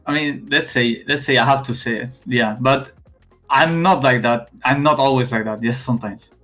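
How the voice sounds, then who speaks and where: A young man from Spain with a thick Spanish accent, a guest in a casual interview, talking haltingly with many restarts and fillers. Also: mid-range voice, fairly bright tone, faint music behind. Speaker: esports player guest.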